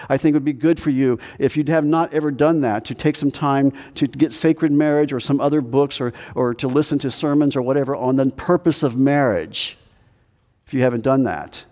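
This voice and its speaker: A man's voice: medium pitch, brisk, mellow. A man preaching a sermon in a conversational way, with humor and rhetorical questions. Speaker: pastor. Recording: long hall reverb.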